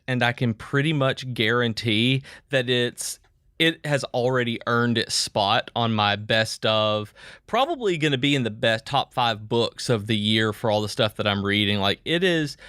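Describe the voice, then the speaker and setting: Man, podcast co-host, eager rambling chat, crisp tone, no room echo. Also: mid-range voice, fairly bright tone, studio quality. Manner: enthusiastic, rambling with restarts. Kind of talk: casual chat.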